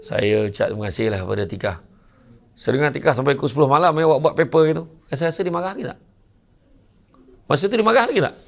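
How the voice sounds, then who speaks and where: Gravelly older Malaysian preacher. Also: male voice, fairly high pitch, fast talker, long pauses. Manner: lively storyteller who acts out characters. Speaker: religious lecturer. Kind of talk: humorous sermon. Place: lecture venue.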